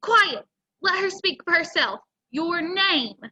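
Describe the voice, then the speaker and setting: A woman's voice: very high-pitched, sing-song, a little slow, pushed and bright, voice pushed up, exaggerated voice. A woman voicing a barking stern soldier. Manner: barking orders. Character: stern harsh male soldier officer.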